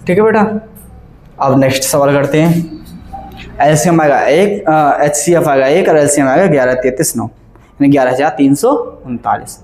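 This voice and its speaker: A man's voice: medium pitch, normal speed, darkish tone. A male math teacher giving a classroom lesson, working sums aloud step by step and keeping the students engaged with questions. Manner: keeps asking the class questions and checking they follow; works sums aloud step by step, repeating numbers. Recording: echoey classroom, faint background noise.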